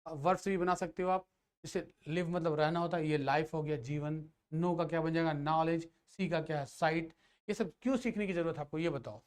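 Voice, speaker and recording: A man's voice: a little high, fairly even intonation, a little fast. A man teaching grammar, firing questions at students and answering them himself. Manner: asks and answers his own questions. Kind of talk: classroom lecture.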